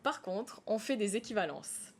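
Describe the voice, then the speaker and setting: A woman's voice: mid-range voice, lively intonation, normal speed, darkish tone, slightly rough. A woman, a stage actress, answers interview questions in a TV studio, hesitant and full of fillers and restarts.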